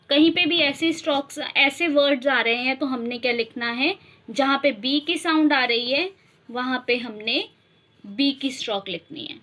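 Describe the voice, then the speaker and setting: A young woman teaching shorthand, slowly repeating each sound and example word to drill it. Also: high voice, a bit bright. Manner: slow, repeats sounds and words to drill them. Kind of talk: instructional explanation.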